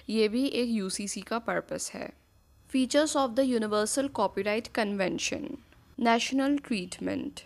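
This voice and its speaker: Indian woman explaining law slides, kinda high voice, slows down on the headings. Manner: steady explanatory delivery, reads English headings slowly. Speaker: law lecturer. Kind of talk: slide-based lecture narration.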